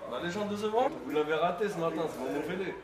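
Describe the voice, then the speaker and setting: A man's voice: high voice, animated, fast talker, reverberant, crowd noise. A man who lives in the area chatting casually with visitors, joking and laughing easily. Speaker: local resident chatting at a window. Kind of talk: casual street chat.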